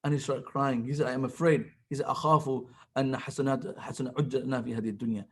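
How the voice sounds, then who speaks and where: A man's voice: mid-range voice, fairly even intonation, very fast, a little hiss or hum. A man leading a college Islamic study circle, retelling stories with quoted speech and weaving Arabic phrases into his English. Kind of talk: storytelling religious talk.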